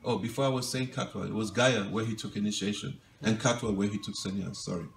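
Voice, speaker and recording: A man's voice: on the low side, steady tone, fast, gravelly, slight background noise. Man telling a sermon in an echoey room. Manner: gentle, wistful storytelling, voice drops soft and quiet for quoted pleas. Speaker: monk giving a devotional lecture. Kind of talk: storytelling sermon. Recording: roomy hall echo, mic at a distance, faint ambience.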